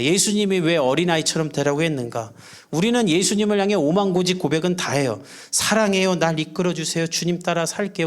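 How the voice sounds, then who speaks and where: A middle-aged male pastor preaching a sermon at a church service, earnest and conversational, drawing on everyday examples. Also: sits high.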